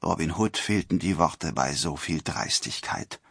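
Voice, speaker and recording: A man narrating a storybook in an expressive reading. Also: very deep voice, measured pace, creaky, breathy edge, dry recording.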